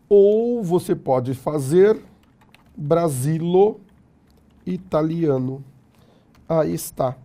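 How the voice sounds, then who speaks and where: A man with a Brazilian Portuguese accent giving a classroom lecture, lively and jokey, often asking the class rhetorical questions. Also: on the high side. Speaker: teacher.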